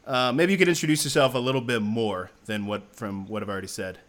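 A man's voice: mid-range voice, steady tone, fast talker, a bit bright. A man hosting an interview show, introducing a guest and asking friendly, curious questions. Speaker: podcast host.

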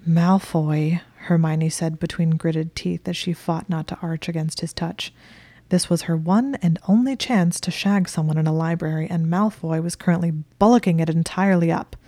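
A woman narrates a story in a steady, unhurried read. Her voice is low and dark with a gravelly fry, and it barely rises or falls. The sound is dry and close. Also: no room sound. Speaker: reader of fan fiction.

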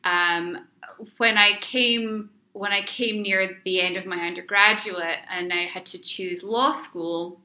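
A middle-aged Scottish lawyer answers interview questions as a guest, chatting and often repeating phrases while she rephrases herself. Her mid-range voice is slow and sharp with fairly even intonation, captured in a slightly dull, roomy recording.

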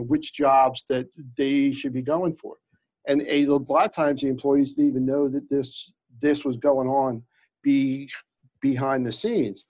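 Heard through poor audio, this medium-pitched male guest is an employment lawyer talking through cases conversationally. He has a slight stutter and keeps restarting his sentences and using filler words.

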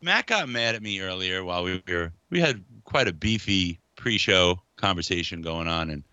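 A man hosting a podcast, talking in animated, jokey, mock-whiny banter. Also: low-pitched, moderate pace, dry recording, lo-fi sound. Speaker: podcast host. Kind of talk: casual banter.

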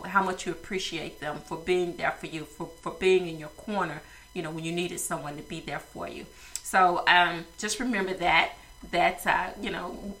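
A woman's voice: fairly low pitch, sharp tone, rough recording. A woman hosting a podcast with a stuffy nose, talking casually and rambling with many fillers. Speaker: podcast host.

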